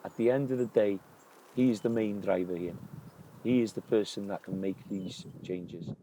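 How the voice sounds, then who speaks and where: A man's voice: lowish voice, moderate pace, dark tone, rough recording. A man, a farmer, speaking earnestly and plainly in a documentary interview.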